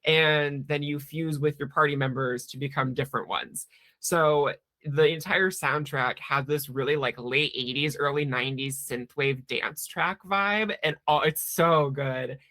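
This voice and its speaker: A man on a casual gaming panel, gushing with enthusiasm. His voice is bright and forward and slightly higher than most men's. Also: a little slow. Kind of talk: casual chat.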